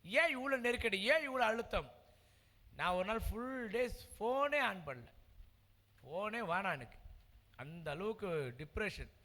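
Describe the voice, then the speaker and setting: A man's voice: high-pitched, very animated, a little slow, long pauses, bright, forceful tone, big-room sound. A man preaching a heartfelt sermon, repeating words with emotional, earnest delivery. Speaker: pastor. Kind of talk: sermon testimony.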